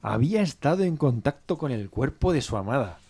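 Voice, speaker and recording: A man's voice: medium pitch, sing-song, fairly quick, a little mellow, slightly rough. A man playing an earnest, sympathetic male servant recounting events. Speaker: podcast storyteller. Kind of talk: scripted two-hander narration.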